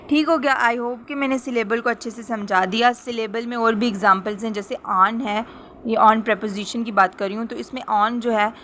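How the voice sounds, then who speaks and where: In a slightly bright, high-leaning voice, a young woman teaches in Hindi-Urdu sprinkled with English terms, going over points again and checking her listeners follow, all with patience. A little hiss or hum sits under the recording.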